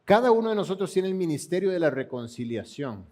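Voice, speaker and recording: A man with a Panamanian accent answering Bible questions in a steady, explanatory way, with occasional restarts. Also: high-pitched, quick pace. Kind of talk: church Bible Q&A teaching.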